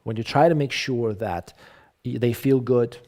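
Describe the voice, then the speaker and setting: A man's voice: medium pitch, unhurried, a little mellow. A man teaching English in a live online lecture, acting out example phrases and repeating himself.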